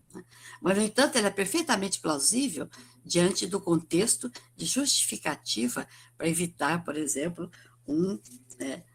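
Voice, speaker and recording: A woman's voice: low voice, slightly rough. A Brazilian woman with a Brazilian Portuguese accent giving an academic lecture over a video call, talking in a discursive way with many tag questions and restarts. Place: remote online talk.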